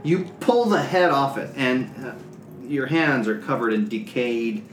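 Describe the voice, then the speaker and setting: A man's voice: medium pitch, animated, unhurried. A man narrating a tabletop game as game master, describing scenes and calling for checks. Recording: roomy recording with soft guitar music.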